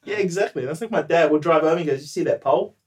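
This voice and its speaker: A young New Zealand man speaks very fast in a fairly high voice as a podcast guest. He chats casually and sounds relaxed but hesitant, filling his speech with ums and laughing easily.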